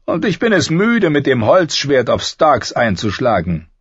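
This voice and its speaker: A man voicing a haughty, bored teenage prince with a mocking, drawn-out sneer. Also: medium pitch, wildly swooping pitch, husky, no echo, muffled recording, voice pushed up, heavily acted.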